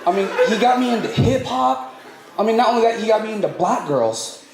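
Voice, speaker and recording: Male wedding speaker, playful joker, roomy hall with loud background noise. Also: high voice, lively intonation, a little fast, creaky. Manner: playful, joking with the crowd. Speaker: best man speaker, groom's cousin. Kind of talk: joking wedding toast.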